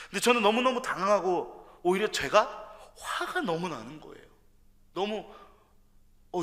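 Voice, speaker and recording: A man's voice: a little high, fairly bright tone, long reverb tail. A young man from Seoul, a junior pastor, preaching a sermon in a church sanctuary. He tells stories conversationally and often turns to address the congregation directly. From Seoul, South Korea.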